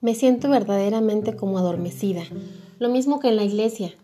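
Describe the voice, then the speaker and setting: A woman voicing a fussy, admiring miller's wife who gushes slowly in a storybook reading. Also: medium pitch, dark tone, faint music behind, lightly acted. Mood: gushing. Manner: gushing, drawn-out.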